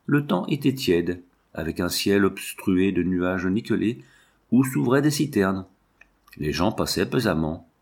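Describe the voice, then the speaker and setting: Low-voiced male audiobook narrator. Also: a little mellow, husky. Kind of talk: scripted novel narration.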